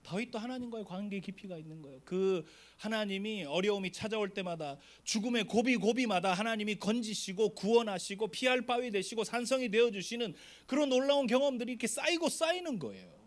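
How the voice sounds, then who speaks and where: A middle-aged male pastor preaching to teenagers in a high, bright voice that leaps up and down. He tells stories with lots of energy and acts out each character. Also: fast, few pauses. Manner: animated storytelling, acting out voices. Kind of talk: sermon to a youth retreat.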